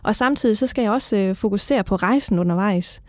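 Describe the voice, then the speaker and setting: A woman's voice: mid-range voice, a little mellow, no room sound, studio quality. A woman hosting a podcast, asking questions in a hesitant way as she searches for her words. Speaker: podcast host. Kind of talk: podcast interview.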